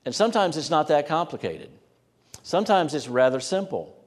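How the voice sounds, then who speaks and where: A man preaching a sermon as pastor, earnest and plain-spoken, often dropping to a hushed voice for emphasis. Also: fairly high pitch, expressive, normal speed. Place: church sanctuary. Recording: preached in a reverberant church sanctuary.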